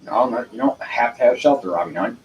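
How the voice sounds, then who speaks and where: An amateur legal commentator from Jacksonville, United States, rambles through an informal monologue in a Southern US accent, folksy and unpolished, repeating phrases for emphasis. His medium-pitched voice is animated and a touch fast. The lo-fi recording carries noticeable background noise.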